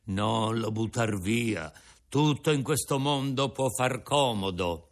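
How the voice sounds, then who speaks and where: A man voicing a patient, kindly old carpenter father who moralizes calmly. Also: medium pitch. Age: older. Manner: calm, slow, moralizing.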